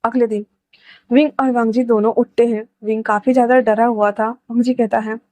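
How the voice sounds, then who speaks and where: High-voiced woman reading a story. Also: normal speed, dry recording. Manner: emotional, expressive reading. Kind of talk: reading an emotional romance story aloud.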